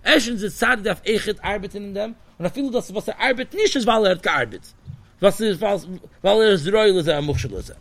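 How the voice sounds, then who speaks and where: A man, giving a Talmudic study lesson in an animated, sing-song way with many fillers. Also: sits high, brisk. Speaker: Torah teacher.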